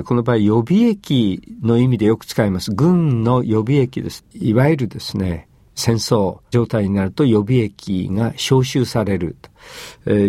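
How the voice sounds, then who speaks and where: A man hosting an English lesson, explaining phrases in Japanese in a measured way with many fillers. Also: medium pitch, a little mellow, no echo. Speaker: English teacher and host.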